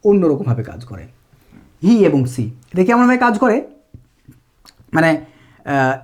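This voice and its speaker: A woman's voice: a little high, a little mellow. A woman teaching a spoken English lesson, explaining patiently and stopping often to check that her students follow.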